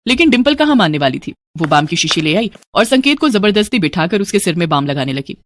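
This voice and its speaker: A woman narrating a dramatic story in an expressive, scripted way. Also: on the low side, quick pace, slight background noise.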